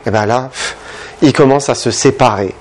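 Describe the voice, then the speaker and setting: A man preaching a sermon in French, impassioned and addressing the congregation with questions. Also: fairly quick. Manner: impassioned, questioning the listeners, big pitch swings.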